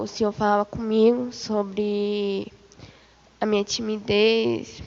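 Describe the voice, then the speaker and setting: A woman's voice: medium pitch, darkish tone, big-room sound, muffled recording. A woman giving a religious testimony of a vision, retelling it in a repetitive way and calling her listeners beloved. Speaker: church member giving testimony.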